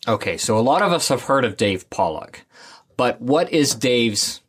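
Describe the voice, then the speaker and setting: Husky man hosting an interview. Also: medium pitch, very animated, normal speed, a bit bright. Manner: summarizing, guiding questions, recaps points. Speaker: interview host. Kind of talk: conversational interviewer.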